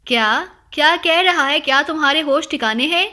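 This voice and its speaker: A woman putting on a hot-tempered old mother from an audiobook drama, scolding in a high, raised voice. She sounds bright and sharp and flares up fast. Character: older mother, fiery and easily angered.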